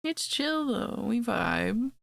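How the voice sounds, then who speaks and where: A young woman streamer with a raspy voice from being sick, chatting casually and laid-back while she draws. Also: fairly high pitch, lively intonation, slow, a bit bright, dry recording, studio quality. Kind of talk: casual chat while drawing.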